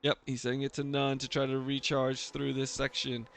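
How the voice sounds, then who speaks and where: A man's voice: medium pitch, monotone, moderate pace, a bit bright. A man giving live, casual motorsport commentary as a race commentator for an online league.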